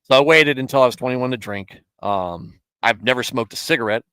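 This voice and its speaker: A man in his thirties hosts a casual live stream for a Bible show, answering viewers in a rambling way, often correcting himself and chuckling. His medium-pitched voice is brisk, sharp, clear, and resonant. The recording is dry.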